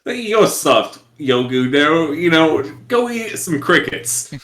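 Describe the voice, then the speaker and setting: Brief: man playing a brash captain, low drawl, echoey room. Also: sing-song, takes it slowly, background noise. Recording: roomy echo.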